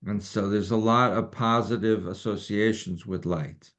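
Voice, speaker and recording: Low-voiced man leading a study group. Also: measured pace. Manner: relaxed, rambling with many fillers. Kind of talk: informal teaching talk. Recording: dull lo-fi recording.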